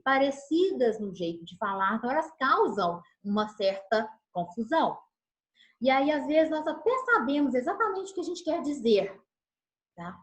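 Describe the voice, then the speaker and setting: A woman teaches grammar over a video call in a slightly high voice. She explains each point patiently and stretches out the words she wants remembered. She keeps pausing to check that her listeners follow. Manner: slows down to stress key words. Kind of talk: online grammar lesson. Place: home setup on a video call. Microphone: video call mic.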